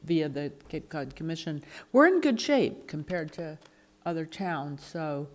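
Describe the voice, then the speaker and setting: A woman's voice: low voice, lively intonation, unhurried. A woman on a town selectboard, earnestly explaining her views during a meeting. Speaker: selectboard member. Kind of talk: town board meeting discussion.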